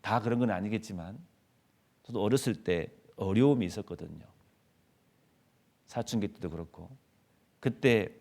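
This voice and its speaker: 설교하는 남성 목사. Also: male voice, fairly low pitch. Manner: builds to loud rebuking quotes, then drops soft and gentle. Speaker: pastor. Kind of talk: sermon. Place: church sanctuary.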